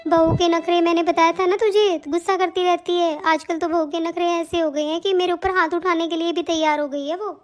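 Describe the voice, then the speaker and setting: An aggrieved old grandmother, voiced by a woman in a home-made family drama, grumbling and moralizing in a plaintive tone. The voice sits very high despite the age of the role. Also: steady tone, brisk, hardly any pauses. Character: older woman, self-pitying grandmother and mother-in-law. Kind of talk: hobby family-drama acting.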